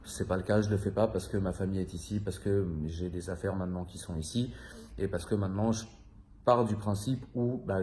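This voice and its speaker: Over a little hiss or hum, a man in his thirties from France speaks to camera in a low-pitched, warm voice. This vlogger's casual monologue rambles along in a confiding, slangy way, with offhand swearing and many fillers and repeats.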